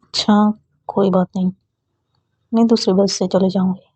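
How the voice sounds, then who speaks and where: A woman's voice: medium pitch, flat delivery, normal speed, a little mellow, slightly rough, no room sound, lightly acted. A woman voicing a sleepy young woman who keeps pleading for more rest in a storybook romance. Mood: apologetic.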